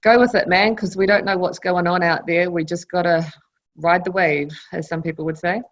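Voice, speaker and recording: A woman co-host chatting casually in a laid-back, easygoing way with relaxed slang. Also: on the low side, moderate pace, dull audio. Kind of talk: casual chat.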